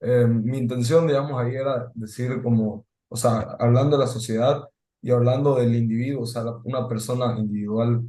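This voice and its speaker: A man's voice: medium pitch, steady tone, moderate pace, dark tone, reverberant. A man, a student, hesitantly explaining what he meant and searching for words.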